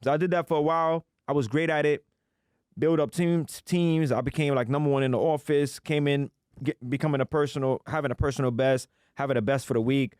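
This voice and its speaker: A man from the United States telling his life story on a podcast in an animated, slangy way, acting out the people he quotes. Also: on the high side, brisk, smooth, no room sound, clean studio sound. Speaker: podcast guest.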